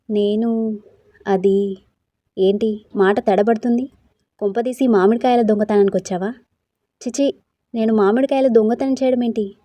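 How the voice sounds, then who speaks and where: Woman narrating a story, warm mellow tone, dry mic, same voice for everyone. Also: a little high, no room sound. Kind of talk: narrating a story, voicing all the characters.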